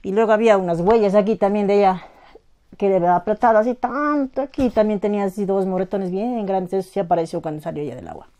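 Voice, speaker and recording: Grieving Ecuadorian Andean mother, soft voice. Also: medium pitch. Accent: southern Andean Ecuadorian Spanish, Azuay. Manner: halting, emotional retelling full of reported speech. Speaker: victim's mother giving testimony. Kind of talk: personal testimony interview.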